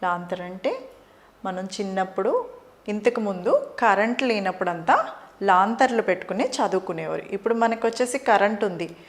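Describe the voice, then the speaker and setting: A middle-aged woman teaching preschoolers the alphabet, sounding out words syllable by syllable and asking the children questions. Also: medium pitch. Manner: slow, drawn-out syllable-by-syllable teaching; asks the children questions and answers them.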